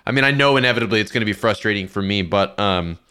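A man's voice: fairly low pitch, rapid-fire, bright, forceful tone, clean tone. A man co-hosting a gaming podcast, talking casually and hesitantly and swearing freely. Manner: wavering and self-doubting, swears casually. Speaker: podcast co-host.

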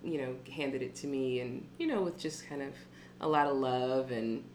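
A woman's voice: rumbling low, moderate pace, a crowd in the background. A woman co-hosting a casual chat, blunt and teasing, with a wry way of talking. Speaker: co-host.

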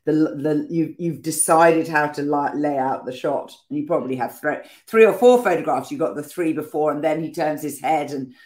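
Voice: mid-range voice, normal speed, hardly any pauses, darkish tone. A podcast host leading a casual interview in a friendly, chatty way, stumbling over words now and then.

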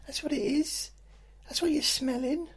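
Shrill nagging ogre wife. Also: male voice, normal speed. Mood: exasperated nagging. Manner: ranting, ad-libbed complaints in falsetto. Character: nagging old ogre's wife, shrill and scolding.

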